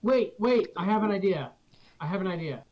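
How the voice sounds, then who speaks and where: A man with a high voice talks casually as a tabletop game player. The sound is somewhat dull and lo-fi. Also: animated, a little fast.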